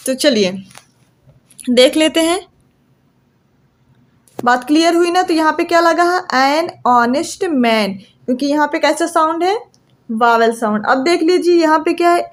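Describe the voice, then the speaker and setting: A young woman lectures on grammar with a Hindi accent. Her voice sits high. She keeps posing questions to her students and answers each one herself, in a steady teaching rhythm. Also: unhurried, long pauses. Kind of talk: classroom lecture.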